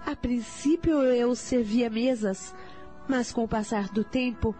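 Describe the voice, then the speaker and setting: A woman playing a mother in her thirties with a hard past, telling her story in a slow, measured, confiding way over soft music. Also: on the high side. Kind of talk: radio drama storytelling.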